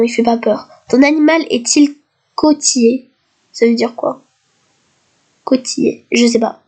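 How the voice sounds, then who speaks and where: A woman with a slightly hoarse voice, playing a guessing game in casual commentary, reading each question aloud and then answering it casually. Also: sits high, darkish tone. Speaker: youtuber.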